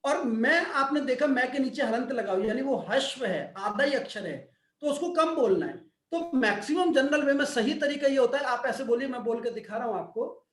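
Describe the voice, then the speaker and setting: Yoga expert guy on a video call, really high voice for a man, echoey room, patient teacher vibe. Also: animated, moderate pace. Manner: patient teacherly explaining, often checking understanding. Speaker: yoga and wellness expert answering questions. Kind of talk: explanatory answers in an online Q&A.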